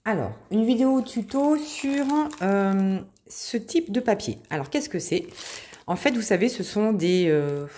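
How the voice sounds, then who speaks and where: A woman hosting a craft tutorial, explaining casually with many pauses and restarts. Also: mid-range voice, expressive, warm tone. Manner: chatty, many hesitations and restarts.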